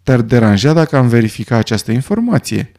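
A man voicing a calm, measured old judge who speaks in a level, deliberate way. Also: mid-range voice.

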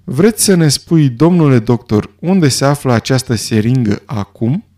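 A man voicing a calm, measured old judge who speaks in a level, deliberate way. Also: medium pitch, lightly acted.

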